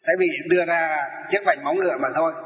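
A Buddhist monk gives a sermon, asking rhetorical questions and answering them himself. His voice sits high. The recording is dull, with a long, roomy hall echo. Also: steady tone, fast. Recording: echoey hall, dull sound.

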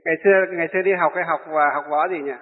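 Speaking rapid-fire in a slightly high voice with fairly even intonation, a middle-aged Buddhist monk tells wry, chatty stories and chuckles at his own anecdotes. The sound is tinny and lo-fi, with a long reverb from the hall.

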